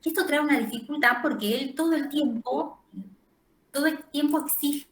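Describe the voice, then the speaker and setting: A woman's voice: high-pitched, normal speed, reverberant, slight background noise, poor audio. A woman lecturer with a Rioplatense Spanish accent giving an online class, explaining with frequent hesitations and fillers. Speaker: university lecturer.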